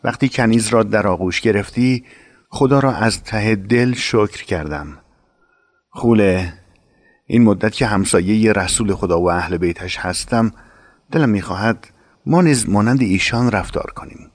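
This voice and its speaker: An actor playing a devout young husband who speaks softly and earnestly in an audiobook drama. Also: male voice, on the low side, dry recording, clean studio sound, lightly acted. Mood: gentle.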